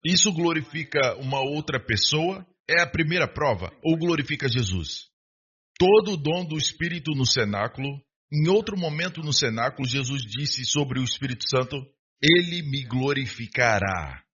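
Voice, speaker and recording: A man's voice: a little high, expressive, moderate pace, fairly bright tone, breathy edge, lo-fi sound. A man, preaching a sermon and often asking the congregation rhetorical questions and calling for an amen.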